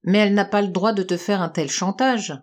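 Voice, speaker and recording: A woman's voice: mid-range voice, steady tone, brisk, lightly acted. A woman reading a kind, protective father who speaks firmly. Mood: indignant.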